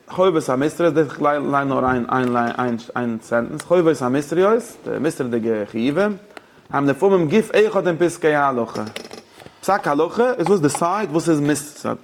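Ein Mann hält einen lebhaften Lehrvortrag über religiöses Recht, mischt Deutsch, Englisch und Jiddisch und stellt seinen Zuhörern Fragen. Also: male voice, on the high side, moderate pace. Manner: mixes German, English and Yiddish with rabbinic terms; poses questions to listeners. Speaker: teacher of religious law. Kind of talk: lively study-hall lecture.

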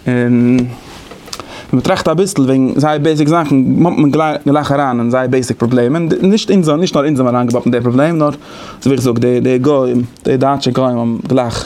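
A man's voice: medium pitch, normal speed, a little mellow. A man giving a lecture, explaining conversationally and thinking aloud as he goes. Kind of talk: lecture on interpretation methods.

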